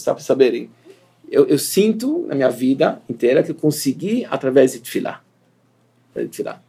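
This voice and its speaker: A man giving a Torah lesson to yeshiva students, his voice gravelly and a touch husky, pitched a little high for a man. He teaches earnestly, repeats key phrases and asks rhetorical questions. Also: dark tone. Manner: earnest, repetitive, rhetorical questions, mixes Hebrew terms. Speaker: yeshiva rabbi.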